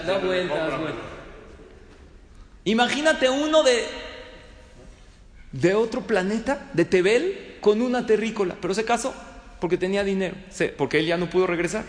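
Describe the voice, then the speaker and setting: Male rabbi-teacher, high voice, storytelling lecture style, recorded in a reverberant hall. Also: a little hiss or hum. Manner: storytelling, poses questions to the audience. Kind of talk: religious study lecture. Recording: echoey hall.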